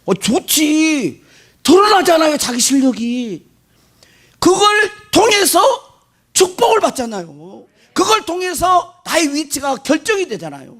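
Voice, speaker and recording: High, lively-voiced male pastor preaching. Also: measured pace. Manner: animated preaching, constant rhetorical questions to the congregation; mimics worshippers' prayers and complaints mid-sermon. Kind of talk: sermon.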